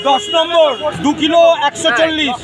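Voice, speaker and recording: A man's voice: very high voice, fairly even intonation, normal speed. A man with a West Bengal Bengali accent giving blunt, insistent, repeated instructions and informal call-outs as a weighing official. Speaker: official weighing and calling out catches. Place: outdoors in a busy crowd. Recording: distant mic amid loud outdoor crowd.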